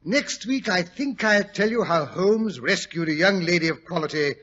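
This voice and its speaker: An actor playing a pompous, flustered older English doctor in a 1940s radio drama, blustering and stammering in a raspy British voice. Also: male voice, high-pitched, animated, normal speed, fairly bright tone. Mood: self-satisfied. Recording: dull vintage radio recording.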